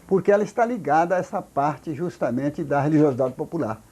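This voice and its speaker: An older man from Brazil with a Brazilian Portuguese accent, a folklorist explaining things slowly in an interview, halting with many repeated words and restarts. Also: fairly high pitch, lively intonation, warm tone, husky. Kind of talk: recorded oral history interview.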